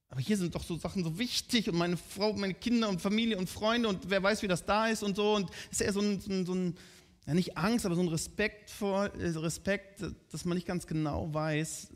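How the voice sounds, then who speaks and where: A man preaching a sermon in a conversational way, often asking his listeners direct questions. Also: high voice.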